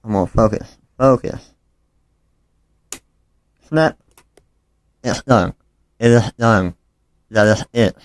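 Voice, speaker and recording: Working with his hands on a repair, a man talks through a casual tutorial in a fairly low voice, slowly and with long pauses, sounding informal and slightly apologetic. The handheld phone recording is close and dry, without echo.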